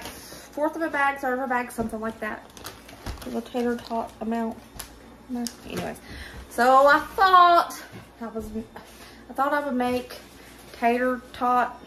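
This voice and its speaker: A woman's voice: on the high side, bright, forceful tone, a little hiss or hum. Chatty Southern woman cooking at home. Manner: chatty, upbeat, narrates while cooking. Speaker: vlogger. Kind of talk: casual cooking vlog. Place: home kitchen, indoors.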